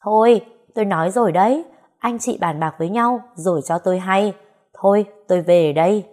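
A woman voicing a stout, fierce older village woman with a gruff deep voice and a domineering manner. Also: fairly quick, darkish tone, lightly acted.

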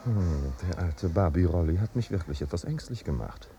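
Snobby fussy aristocrat host, deep voice but jumpy, old radio play. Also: male voice, expressive, normal speed, warm tone. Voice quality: fussy, easily alarmed. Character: vain, snobbish aristocratic party host, man. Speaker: party host. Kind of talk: 1950s radio drama acting.

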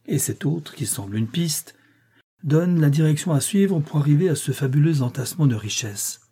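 Guy doing a sly menacing villain, fake-gentle threats, mellow and husky. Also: a little high, lively intonation, normal speed, voice pushed up. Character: menacing, hypocritically smooth villain man.

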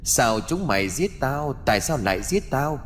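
A man voicing a bitter, vengeful female ghost who speaks slowly in a moaning, accusing way. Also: mid-range voice, very animated, a little hiss or hum, pitched above the performer's own voice, lightly acted.

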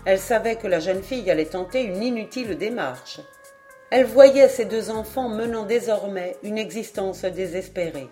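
Brief: woman audiobook narrator, mellow and dark, faint music behind. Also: mid-range voice, moderate pace. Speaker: audiobook reader. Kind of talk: literary narration.

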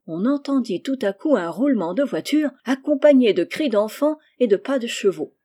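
Mellow-voiced woman reading a storybook. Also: on the high side, expressive, normal speed. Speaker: audiobook narrator. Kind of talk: scripted storybook narration.

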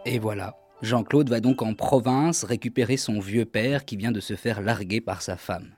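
A man's voice: lowish voice, normal speed, darkish tone, faint music behind. A man hosting a radio show, delivering scripted comic narration in a wry, mock-solemn way. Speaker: radio host. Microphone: studio microphone.

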